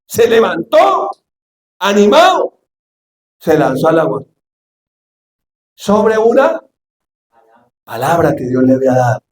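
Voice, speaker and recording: A man preaching a sermon as pastor, acting out Bible scenes and shouting for emphasis. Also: on the high side, huge pitch swings, takes it slowly, pauses often. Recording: echoey church hall, faint ambience.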